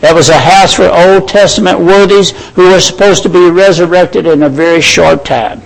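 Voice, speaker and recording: Male preacher with a high voice, measured sermon delivery, reads scripture aloud and calls his listeners brethren and friends. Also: creaky, low-quality recording.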